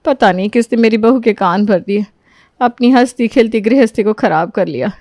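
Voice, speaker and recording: A woman's voice: on the high side, normal speed, darkish tone, dry recording, studio quality, close to an everyday voice. A woman voicing a touchy, vindictive middle-aged aunt who complains and scolds in a cartoon story. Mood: weary, worried. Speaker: Bua ji, the visiting aunt.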